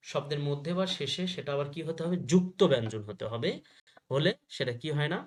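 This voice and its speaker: A man teaching a grammar lesson to school students. He asks questions and answers them himself, and he repeats each example word slowly. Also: medium pitch.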